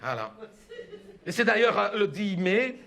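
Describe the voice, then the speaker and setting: A chatty middle-aged mother with a Belgian French accent pours out her grievances, dropping "hein" and "écoute bien" as she goes, as a man voices her on stage. The voice sits high and bright. She confides in the listener like a neighbour over the fence. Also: very animated, unhurried, gravelly, full character voice. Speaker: stand-up comedian in character. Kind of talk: stand-up character monologue.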